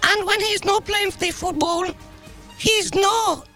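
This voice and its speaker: A man puts on a piercing falsetto to impersonate a famous model as an angry wife, airing indignant complaints in broken grammar. The very high, bright voice carries a fake foreign lilt and is delivered slowly, heavily acted and mock-serious, as a radio bit with soft music underneath.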